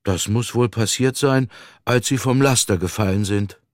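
A man's voice: mid-range voice, moderate pace, dry recording, clean studio sound, lightly acted. A man voicing a young, polite bear who is easily alarmed, in an audiobook reading. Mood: sad.

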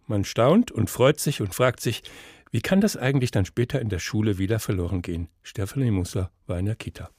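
A male radio host interviewing a guest and announcing segments in a calm, summarizing manner. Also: lowish voice, no room sound, studio quality.

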